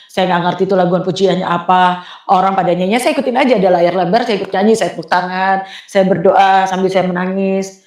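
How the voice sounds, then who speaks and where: A woman's voice: medium pitch, brisk, roomy sound. Earnest woman telling her testimony. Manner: earnest, animated, often repeats herself. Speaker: guest giving a faith testimony. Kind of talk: emotional personal testimony.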